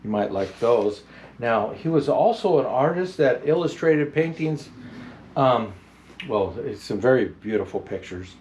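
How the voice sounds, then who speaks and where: A man playing a jolly old Santa Claus who hosts a picture book reading in a gentle, halting, unhurried manner. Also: mid-range voice, animated, a little hiss or hum, close to an everyday voice. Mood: friendly, rambling.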